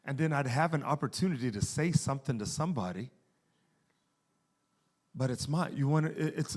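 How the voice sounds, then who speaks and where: A man's voice: medium pitch, darkish tone. Conversational male preacher. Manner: conversational preaching with frequent restarts and slow emphasis. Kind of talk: sermon.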